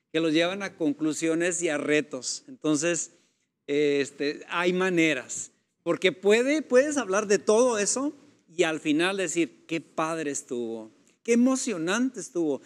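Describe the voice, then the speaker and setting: A man telling stories in a lively way during a casual Bible discussion. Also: high voice. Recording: long reverb.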